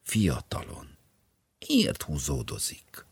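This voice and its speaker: A man's voice: very deep voice, huge pitch swings, slightly rough, no room sound, heavily acted. A man reading the lines of a polite, puzzled male professor who speaks earnestly, in an audiobook.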